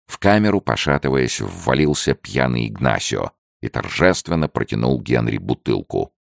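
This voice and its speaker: A man reading an adventure story aloud in measured, expressive scripted narration. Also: a bass voice, gravelly, no room sound, studio quality. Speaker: audiobook narrator.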